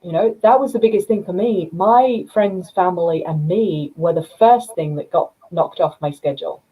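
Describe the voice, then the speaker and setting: 低めで柔らかく、かすれ気味の声の女性. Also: female voice, fairly low pitch, normal speed, warm tone, breathy edge, poor audio. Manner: direct, challenging advice. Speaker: co-host of a business talk show. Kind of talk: casual panel chat.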